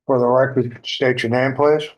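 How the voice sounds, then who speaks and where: A male lawyer questions a witness in court at a middling pitch. His phrasing is informal, folksy and a little halting. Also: fairly even intonation, rough recording. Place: indoor courtroom.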